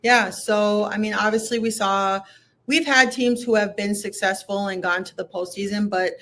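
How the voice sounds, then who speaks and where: A young woman from Minnesota talks through a casual sports interview as a guest. She speaks at a middle pitch, loose and chatty, padding her thoughts with "um" and "like.". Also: fairly even intonation, normal speed, fairly bright tone. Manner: chatty, many fillers like "um" and "like". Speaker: guest, women's basketball commentator.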